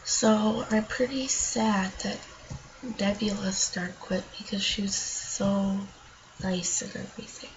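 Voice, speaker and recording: A woman's voice: mid-range voice, steady tone, slow, slight background noise. A female channel host with a stuffed-up nose, chatting casually and rambling through gameplay commentary. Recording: dull lo-fi home recording.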